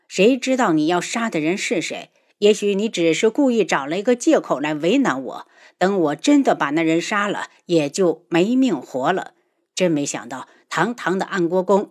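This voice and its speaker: A woman's voice: on the low side, a little mellow. A woman voicing a defiant young man. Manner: defiant, earnest. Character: stubborn hot-headed young man in love. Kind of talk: audiobook character voice.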